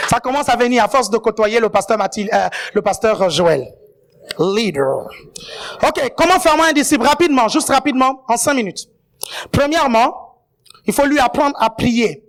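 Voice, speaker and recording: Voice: medium pitch, brisk, a little hiss or hum. A guest preacher giving a sermon, often checking in with the congregation and adding playful asides.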